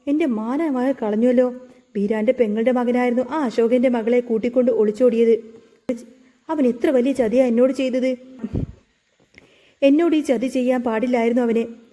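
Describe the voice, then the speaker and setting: A woman's voice: fairly high pitch, moderate pace, pauses often, warm tone, natural voice. A sobbing grieving mother, read by a woman. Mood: lamenting. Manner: sobbing, lamenting.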